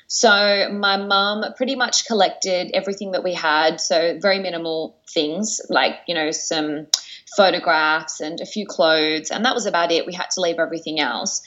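A woman tells her story in a relaxed interview, often pausing with ums. Her voice sits a little low, and the recording sounds slightly dull. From Australia. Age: 20s. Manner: relaxed, with frequent ums and uhs. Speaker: interview guest, journalist.

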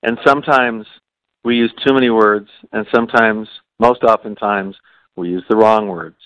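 A man's voice: on the low side, steady tone, moderate pace, a bit bright, no room sound, muffled recording. Earnest man repeating phrases for emphasis. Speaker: podcast co-host. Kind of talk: podcast conversation.

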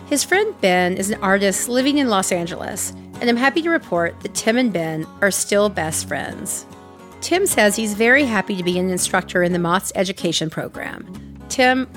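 Lady radio host reading intros, smooth and measured. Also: medium pitch.

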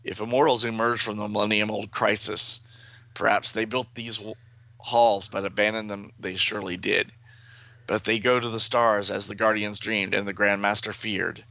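Man reading as a gravelly, solemn robot hunter. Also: on the low side, little pitch movement, normal speed, sharp tone. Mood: grave, regretful. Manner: formal, declamatory. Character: solemn, resigned female robot Manhunter from comics. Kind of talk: comic-book dialogue read aloud.

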